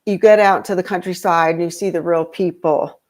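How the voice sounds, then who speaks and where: A woman's voice: lowish voice, fairly even intonation, fairly quick, darkish tone. A woman talking casually as a podcast guest, rambling with lots of fillers and restarts. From grew up in Europe. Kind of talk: casual conversation.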